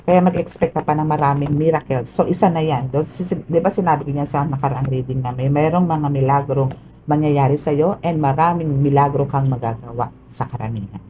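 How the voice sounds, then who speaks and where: A woman's voice: sits low, fairly quick, noisy background. A woman giving a casual tarot reading, chatty and often checking in with the listener. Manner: chatty, peppers talk with "no?" and "okay?". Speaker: tarot reader.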